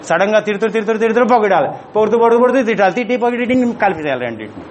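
High-voiced laughing male spiritual teacher. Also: expressive, very fast, a little hiss or hum. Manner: playful, laughing, keeps asking the audience questions. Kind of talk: spiritual talk to a class.

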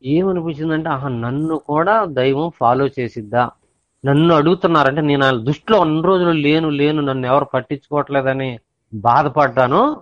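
A man with a slightly raised pitch tells a teacher about a spiritual experience. He speaks earnestly and goes over the same points again and again. The recording is dry and a little dull, with no room sound. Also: moderate pace, no echo. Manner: earnest, repetitive, searching. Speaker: spiritual seeker recounting an experience. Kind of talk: personal account to a teacher.

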